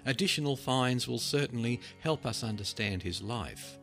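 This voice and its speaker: A man reading written articles aloud as scripted narration, with measured, dramatic phrasing that drops at sentence ends. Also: medium pitch, lively intonation. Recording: loud music behind the voice. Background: music.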